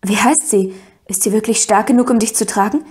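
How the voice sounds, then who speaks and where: A woman's voice: medium pitch, a little fast, a little mellow, lightly acted. A woman reading an audiobook, voicing an eager, curious thirteen-year-old girl who asks question after question. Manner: breathless, pleading questions.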